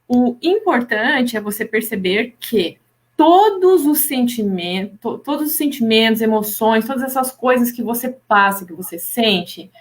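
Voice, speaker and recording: A woman, a hypnotherapist in a casual live chat, explaining lively and acting out what people say. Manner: animated, acts out imagined people's lines with pitch jumps.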